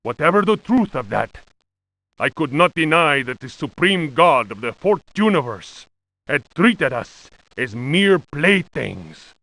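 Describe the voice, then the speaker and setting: Pompous conquistador lieutenant, hammy bad acting, slow pace, big pitch swings, horror game journal narration. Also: male voice, sing-song, a bit bright, no echo, exaggerated voice, rough recording. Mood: grave, melodramatic. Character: Spanish lieutenant recounting a horrifying expedition, pompous and melodramatic. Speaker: narrator reading old books in a video game.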